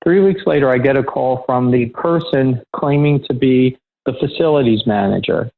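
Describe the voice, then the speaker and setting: A middle-aged man, a security professional and interview guest, telling a work anecdote in a lively, conversational way and acting out the dialogue. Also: medium pitch, normal speed, gravelly. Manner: lively storyteller who acts out quoted dialogue. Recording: tinny phone-like line.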